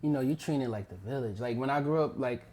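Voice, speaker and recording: Very deep-voiced woman hosting casually. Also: fast talker, mellow. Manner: casual, slangy, loose rambling questions. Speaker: podcast host. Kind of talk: casual interview chat.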